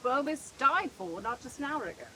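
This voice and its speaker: Bubbly young noblewoman, playful, high animated voice, clear outdoor noise with horses. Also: brisk. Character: cheerful spirited young noblewoman. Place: outdoors on a farm. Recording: noisy outdoor stage recording.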